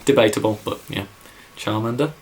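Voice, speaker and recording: A little fast and a little mellow, his low-leaning voice comes through a rough recording. This young man, from near Birmingham with a mild Midlands accent, is casually answering viewer questions for a vlog Q&A. He rambles with lots of fillers and "like," which he points out himself.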